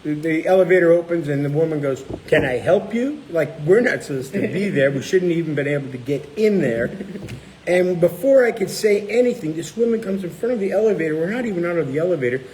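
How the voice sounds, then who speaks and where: A fast-talking middle-aged man with a fairly high voice hosts a casual chat as a cookbook author and channel host, animatedly telling stories and acting out those he quotes. The recording is rough, with slight background noise.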